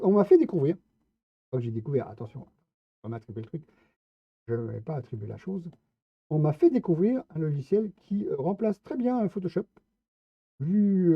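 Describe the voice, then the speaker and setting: A man's voice: mid-range voice, gravelly, husky, no room sound. A man giving casual gameplay commentary, chatty and playful, talking straight to his viewers. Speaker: streamer. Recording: tinny phone-like, dry sound.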